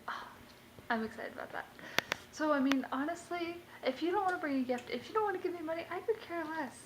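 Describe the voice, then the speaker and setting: Chatty young woman rambling at home. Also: on the high side. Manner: rambling, chatty, many fillers. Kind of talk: casual vlog monologue. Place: home kitchen. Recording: noisy home recording.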